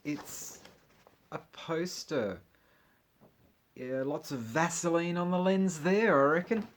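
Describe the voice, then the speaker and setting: A man's voice: on the high side, takes it slowly, a little hiss or hum. A man chatting casually about his record collection, with wry, jokey asides. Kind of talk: casual chat while unboxing records.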